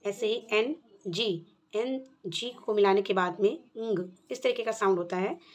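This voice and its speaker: A woman walks parents through a phonics lesson. She reads each practice word slowly and clearly and pauses between them. Her tone stays patient and even, like a teacher's. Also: medium pitch.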